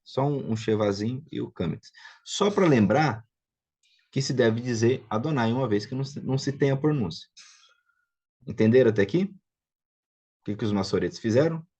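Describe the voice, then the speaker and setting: A man with a Brazilian Portuguese accent gives an informal classroom lecture on biblical Hebrew, explaining step by step and frequently checking with tag questions that students follow. His medium-pitched voice is expressive, darkish and slightly rough, at a moderate pace with long pauses. The recording is dull and lo-fi.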